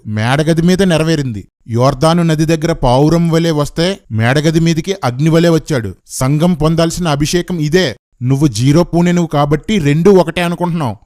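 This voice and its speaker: A man's voice: fairly high pitch, darkish tone. A man preaching as a pastor, scolding and sarcastic, firing one rhetorical question after another in a combative rebuttal sermon.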